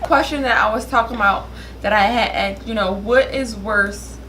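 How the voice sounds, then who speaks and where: A woman's voice: a little high, normal speed, a bit bright, slight background noise, poor audio. A giggly drunk woman chatting casually as a vlog host, blunt and outspoken, swearing freely. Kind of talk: casual chat while doing makeup.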